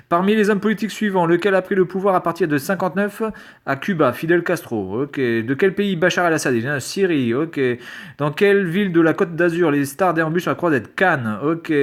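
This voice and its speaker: A man reading quiz questions aloud and reacting to them with sarcastic, exasperated commentary. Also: fairly high pitch. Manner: sarcastic, exasperated, swears and mutters. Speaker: video creator.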